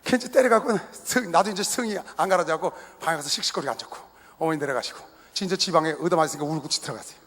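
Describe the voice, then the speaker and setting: A middle-aged male pastor telling a personal story in a sermon, acting out family dialogue in an animated way in a large indoor arena. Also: fairly high pitch, rapid-fire. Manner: animated storyteller who acts out family dialogue and laughs at himself. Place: large indoor sports arena used for worship. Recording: echoey arena hall.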